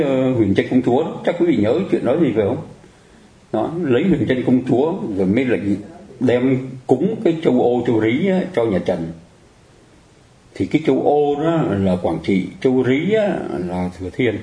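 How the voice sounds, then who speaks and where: A man's voice: mid-range voice, warm tone, echoey room, poor audio. A man giving a Buddhist dharma talk in a conversational way, often turning to the audience with questions to check they agree. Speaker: Buddhist teacher.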